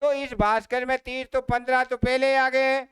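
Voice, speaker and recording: A man's voice: very high voice, level tone, moderate pace, fairly bright tone, clear, resonant tone, dry recording, clean studio sound. A male maths teacher, giving an exam-prep lecture and answering his own questions aloud. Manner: repeats questions, answers himself.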